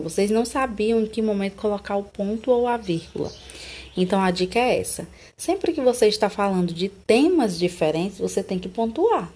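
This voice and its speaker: A woman from Brazil teaching a recorded online class, explaining slowly, repeating examples and checking with tag questions. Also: medium pitch, a little mellow.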